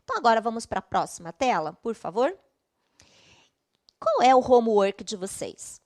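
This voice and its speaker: A woman's voice: fairly high pitch, sing-song, normal speed, a little mellow. A woman with a Brazilian Portuguese accent teaching an online English class, explaining patiently step by step and checking in often.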